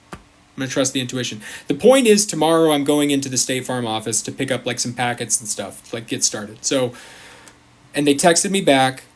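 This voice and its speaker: Man, livestream host, casual rambling chat, greets viewers mid-sentence, mid-pitched voice.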